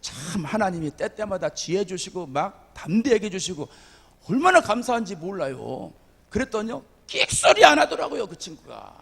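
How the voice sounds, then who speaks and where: Male guest revival preacher, high-pitched, animated and folksy, swelling to loud emphatic peaks; reverberant church hall. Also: normal speed, creaky, husky. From South Korea. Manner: animated storytelling with sudden loud emphatic rises; humorous, folksy asides to the congregation. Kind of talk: revival sermon. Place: church sanctuary.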